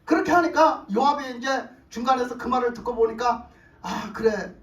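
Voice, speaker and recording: High-voiced preacher in an echoey hall. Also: male voice, a little fast, recorded from a distance. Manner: animated storytelling, rhetorical questions to the congregation. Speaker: pastor. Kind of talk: sermon. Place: church sanctuary.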